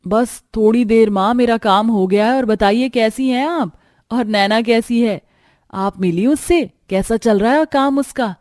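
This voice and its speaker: A woman's voice: a little high, unhurried, a little mellow, no echo, studio quality, lightly acted. A woman voicing a poor, hardworking young daughter in a cartoon story who cares for her mother. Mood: caring. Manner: caring but firm, scolding when angered.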